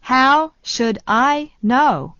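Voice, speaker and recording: A woman slowly and deliberately repeating short phrases for learners in a language lesson. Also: high-pitched, expressive, bright, forceful tone, no echo. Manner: very slow, deliberate delivery. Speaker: phrase reader. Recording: dull lo-fi dry sound.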